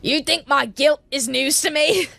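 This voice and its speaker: A woman's voice: high voice, measured pace, vocal fry, pushed and bright, no echo, voice pushed up, full character voice. A woman voicing an embattled male alchemist in a storybook tale, talking through clenched teeth with a sardonic, defiant edge.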